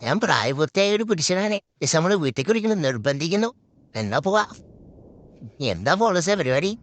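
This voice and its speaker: A man giving live gameplay commentary as a gaming host, excitable and repeating words in quick bursts. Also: a little high, dry recording.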